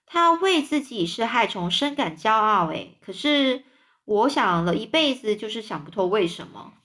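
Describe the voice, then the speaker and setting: A woman voicing a kind, motherly ladybird who speaks gently and reassuringly in a storybook reading. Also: fairly high pitch, big pitch swings, moderate pace. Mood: gentle.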